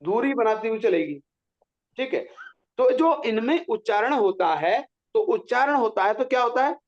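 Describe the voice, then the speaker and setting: A man's voice: extremely high pitch, lively intonation, moderate pace, dull audio. A man teaching a pronunciation lesson, patiently drawing out syllables to demonstrate them. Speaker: Sanskrit teacher.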